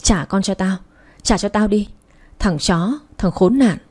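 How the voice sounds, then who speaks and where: A woman voicing a furious young mother who curses and shouts to get her baby back. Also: medium pitch, a little slow, breathy edge. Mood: screaming. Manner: shouting, cursing.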